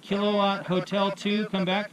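A man making a ham radio call from a summit, spelling his call sign in phonetic alphabet in a measured, repeating way. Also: high-pitched, little pitch movement, crowd noise, poor audio. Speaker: portable ham radio operator. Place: outdoors on a mountain summit.

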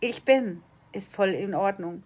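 A woman's voice: medium pitch, unhurried, darkish tone. A woman giving an impassioned motivational monologue as a manifestation coach, hammering repeated phrases and swearing for force.

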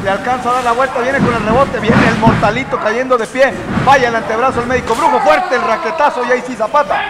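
Wrestling commentator, male, Mexican accent. Very high pitch, excitable play-by-play over heavy venue noise. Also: quick pace. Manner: excitable, narrates each move as it happens. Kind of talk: lively lucha libre play-by-play commentary. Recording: loud crowd and venue noise.

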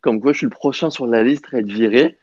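A man's voice: mid-range voice, a little fast, breathy edge, dry recording, lo-fi sound. A young man calling in and chatting casually, hesitant and full of fillers. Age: young adult. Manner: hesitant, filler-heavy, speaks softly. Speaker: caller. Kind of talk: casual chat.

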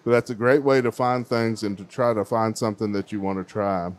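Here the host's voice sits fairly low, moving quickly with mostly even intonation. The middle-aged man is interviewing kids at a baking contest in a spacious fair hall, handheld mic in hand, sounding conversational and supportive.

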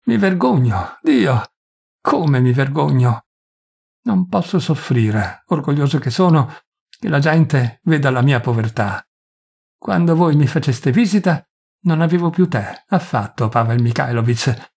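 A man's voice: on the high side, lively intonation, unhurried, creaky, darkish tone, husky, exaggerated voice. A man voicing a poor young village priest, pleading and self-accusing in shame. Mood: anguished.

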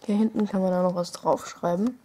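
A woman's voice: mid-range voice, fairly even intonation, a little fast, noisy background. A young woman chatting casually as she unboxes stickers at her desk, hesitant with many fillers and small giggles. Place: indoors at a desk, home room.

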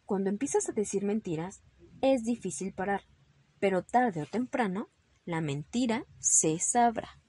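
A woman narrating a children's storybook calmly, ending on a moral. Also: medium pitch, unhurried, breathy edge.

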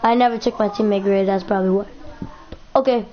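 A woman's voice: medium pitch, fairly even intonation, very fast, muffled recording. A young woman talking casually over her basketball video game, chatting in a playful way and often repeating herself. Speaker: gaming YouTuber. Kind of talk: casual gameplay commentary.

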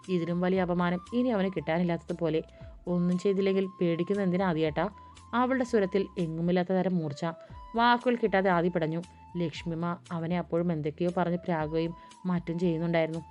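A woman narrating a romantic audiobook story, voicing the dialogue as she reads. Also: a little mellow. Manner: acts out dialogue with raised pitch and force.

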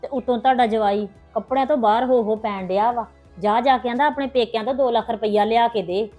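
A middle-aged woman portrays a worried mother who pays her sister-in-law a visit and pleads anxiously for help in a hobby village family drama vlog. Her slightly high, dark voice is near everyday speech, fairly quick with fairly even intonation, over faint music.

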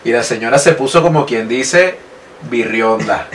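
A man's voice: medium pitch, brisk. A young man with a Venezuelan accent, co-hosting a podcast with teasing, playful remarks. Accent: Venezuelan Spanish. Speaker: podcast co-host. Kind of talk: casual chat. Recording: distant mic with faint noise.

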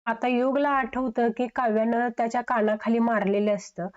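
A woman reviewing a TV serial, retelling the episode in a steady recap. Her voice sits a little high, and the recording sounds dull and lo-fi. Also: moderate pace.

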